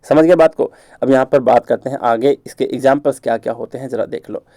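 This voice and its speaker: A man teaching an exam-prep grammar lecture, explaining patiently, checking understanding with questions, and reading English examples slowly. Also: mid-range voice, mellow, dry recording.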